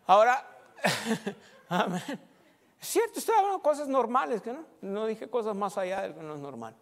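A pastor with a high voice preaches from the pulpit, telling a humorous story from his own life. He swings between quiet asides and loud, animated bursts. The sound hangs in a reverberant church hall. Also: moderate pace, creaky. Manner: joking testimony, loud and animated at times. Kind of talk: sermon.

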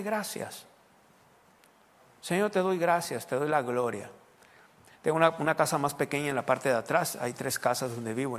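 A man preaching a sermon, talking conversationally and then pushing into loud, emphatic bursts. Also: medium pitch, in a large hall. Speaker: pastor.

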